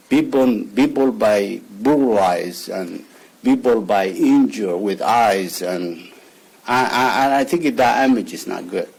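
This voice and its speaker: A father gives a statement at a press conference in a husky, breathy voice. He speaks haltingly, stumbling over and repeating words as he works toward his point. His pitch sits in a middle range for a man. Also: darkish tone, rough recording. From Somalia.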